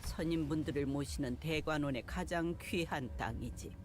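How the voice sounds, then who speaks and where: An actor plays a commanding clan elder in a game. The male voice is fairly high and very rapid, giving solemn, ceremonial orders in archaic phrasing. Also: close to an everyday voice. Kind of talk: game voice acting.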